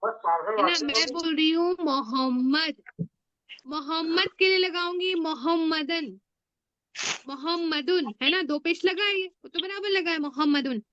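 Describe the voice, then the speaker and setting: A woman's voice: very high voice, a little slow, fairly bright tone, no room sound, dull audio. A woman teaching Arabic grammar in an online class, patiently drilling words and asking her students questions. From India. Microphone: online class audio.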